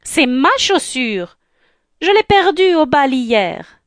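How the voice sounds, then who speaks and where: Protesting bratty stepsister a woman plays, high and slow, storybook. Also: very animated, dry recording, studio quality, full character voice. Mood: indignant. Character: bickering younger stepsister, indignant.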